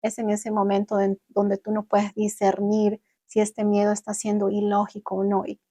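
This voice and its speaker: A young adult woman vlogging, telling viewers about her own experience in an animated way and acting out what she once said. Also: medium pitch, normal speed, no room sound. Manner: animated, acts out her own past words. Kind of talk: personal storytelling to viewers.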